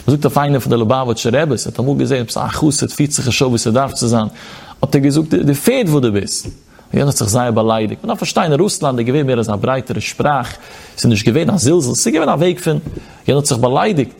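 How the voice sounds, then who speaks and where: A man's voice: mid-range voice, expressive, fast talker, vocal fry, a little mellow, husky. A man giving a religious text lesson, reading quoted passages aloud and explaining them with emphatic rhetorical questions. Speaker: religious teacher.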